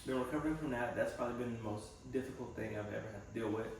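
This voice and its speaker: This young man is a vlogger and physical therapy assistant student, rambling reflectively as he thinks aloud in a casual personal vlog. His mid-range voice races along. The mic sits some distance away in an echoey room, picking up faint noise.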